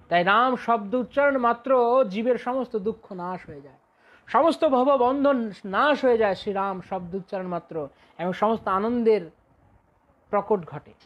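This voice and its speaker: A man preaching a devotional discourse, telling sacred stories unhurriedly and breaking into slow sung chant refrains. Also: high-pitched, highs cut off. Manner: unhurried storytelling with dramatic quoted cries.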